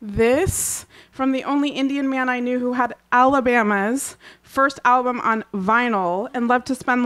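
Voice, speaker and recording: A woman from Kansas, USA, whose first language is Urdu, reads her own personal essay aloud at a live literary book launch. Her voice is slightly high, and she reads wryly with dry humor, offhand asides, and frequent throat clearing.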